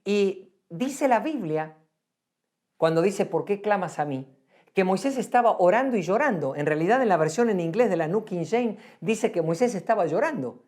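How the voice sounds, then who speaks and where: A woman's voice: mid-range voice, expressive, normal speed, a little mellow. A woman preaching a sermon, earnest and repetitive, asking rhetorical questions of the congregation.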